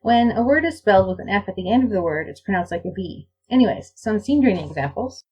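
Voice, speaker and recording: Woman language teacher, husky voice, mid pitch, deliberate word-by-word examples. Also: animated, highs cut off. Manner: reads out example words one by one, slow and deliberate. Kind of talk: slide-show lecture on pronunciation.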